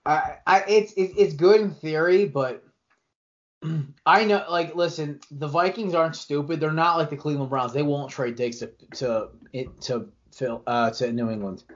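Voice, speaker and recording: A young man co-hosting a sports podcast, giving rambling, animated opinions with frequent restarts. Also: fairly high pitch, moderate pace. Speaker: podcast co-host. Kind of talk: casual sports chat. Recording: dull lo-fi podcast audio.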